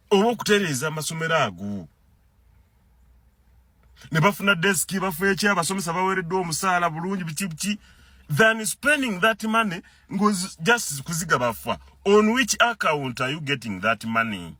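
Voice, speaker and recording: A fairly high-pitched man with a Ugandan accent, recorded without echo, speaks as a concerned citizen commentator. His political rant is impassioned and animated, and as he gets heated he repeats himself and trips over words.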